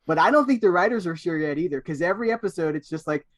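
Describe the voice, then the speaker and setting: A man chatting casually as a podcast guest, talking fast in loose, restarting sentences and acting out little quoted exchanges. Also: high-pitched. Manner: animated, acts out quoted lines in raised voice. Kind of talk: casual chat.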